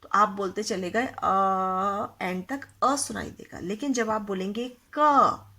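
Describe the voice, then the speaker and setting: A woman's voice: mid-range voice, takes it slowly, bright, forceful tone. A woman teaching a Hindi grammar lesson to young children, explaining patiently, asking the class questions and mixing English words into her Hindi.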